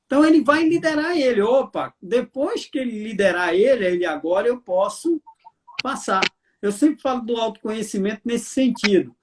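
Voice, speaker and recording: A man with a Brazilian Portuguese accent, an army colonel who trains leaders, answering interview questions in a lively storytelling way, acting out dialogue and laughing. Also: very high voice, moderate pace, slight background noise.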